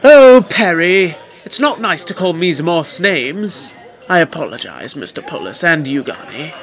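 A man's voice: fairly high pitch, sing-song, measured pace, fairly bright tone, full character voice, rough recording. A man voicing the Doctor as a fussy, theatrical time-traveller who scolds his companion. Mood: scolding.

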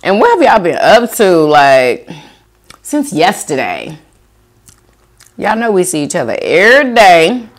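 A young woman hosts a mukbang, chatting casually as she eats on camera and giggling while reading viewer comments aloud. Her voice is lowish with big pitch swings, and she speaks unhurriedly with long pauses.

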